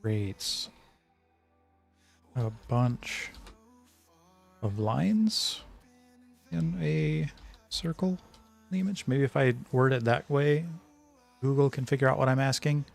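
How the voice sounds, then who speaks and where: Gravelly and medium in pitch, this man speaks slowly and pauses often. An indie game developer streaming live, he chats casually as he works and mulls things over hesitantly to himself while background music plays.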